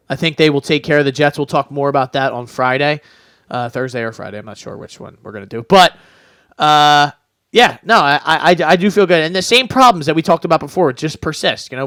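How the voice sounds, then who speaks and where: Smooth-voiced laid-back young man. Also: a little high, brisk, fairly bright tone, no room sound, studio quality. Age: young adult. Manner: laid-back, rambling with fillers. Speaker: podcast co-host. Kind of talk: casual sports talk.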